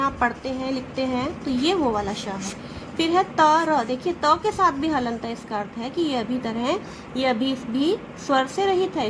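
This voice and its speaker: High-voiced woman teaching children. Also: background noise. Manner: patient, explains step by step, sounds out letters slowly; addresses pupils directly, asks questions then answers them. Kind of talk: Hindi grammar lesson for children.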